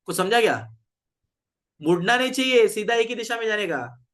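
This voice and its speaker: A man's voice: sits high, expressive, moderate pace, a bit bright. A man teaching a physics class, often stopping to ask his students questions. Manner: switches between Hindi, English and Marathi, asks the class questions.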